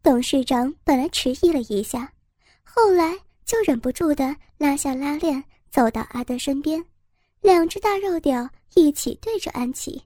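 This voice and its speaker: A woman narrating a story in a steady, even storytelling voice. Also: high voice, moderate pace, no echo. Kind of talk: scripted narration.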